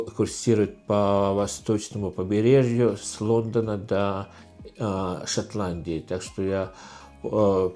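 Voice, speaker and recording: In a casual Q&A vlog, a middle-aged man from Estonia hosts his channel, speaking with an Estonian accent. His pitch is fairly low and his tone darkish, and he keeps restarting and using fillers as he goes.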